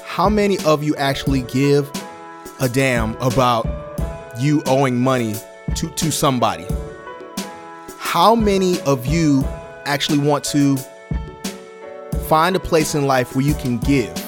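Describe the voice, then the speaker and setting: Male podcast host, average pitch, informal direct address, clear music underneath. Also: animated, unhurried, pauses often. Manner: colloquial, addresses listeners directly. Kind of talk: casual solo podcast talk.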